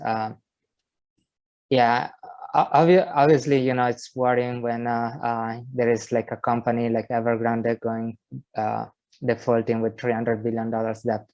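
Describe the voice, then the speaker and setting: A man's voice: medium pitch, darkish tone, no room sound, dull audio. A man speaking as a guest on a video call panel, hesitant and full of fillers.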